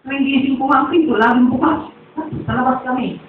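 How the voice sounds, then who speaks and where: A man's voice: extremely high pitch, steady tone, a little fast, a little hiss or hum. A man preaching in a church, telling a rambling personal testimony as a sermon. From Philippines. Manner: rambling storytelling. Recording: tinny echoey distant church recording.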